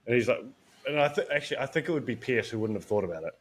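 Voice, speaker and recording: An easygoing man co-hosting a podcast. He floats ideas in a relaxed, conversational way, with the odd "uh" along the way. His voice sits a touch lower than average for a man. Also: racing, husky. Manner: relaxed and conversational, pitching ideas with a casual laugh. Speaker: podcast co-host. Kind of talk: casual podcast chat.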